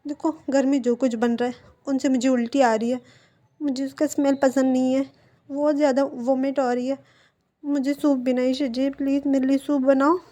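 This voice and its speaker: A man's voice: very high voice, flat delivery, normal speed, dark tone. A woman doing a whiny pregnant young man. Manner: whiny, pleading.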